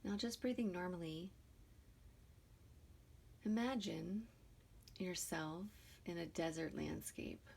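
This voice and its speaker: With a low-pitched voice, a woman guides a meditation soothingly and deliberately. She speaks in short phrases separated by pauses, letting each one end softly and breathily.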